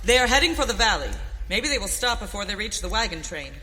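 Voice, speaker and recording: The Lone Ranger, bright and resolute. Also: female voice, mid-range voice, very animated, fast talker. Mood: alert. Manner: declamatory, earnest. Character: resolute, noble masked Wild West lawkeeping rider. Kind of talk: live western radio theater acting. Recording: reverberant hall, faint background noise.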